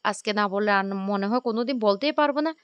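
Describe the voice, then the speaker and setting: A woman voicing a shy, lovesick young man who pleads softly. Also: medium pitch, fast, clean tone, no room sound, lo-fi sound, lightly acted. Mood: pleading.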